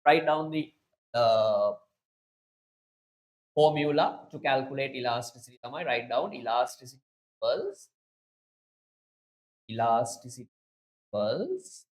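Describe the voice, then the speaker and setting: Sri man teaching economics, repetitive. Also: fairly high pitch. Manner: repetitive, drilling key terms and questioning students. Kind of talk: online class lecture.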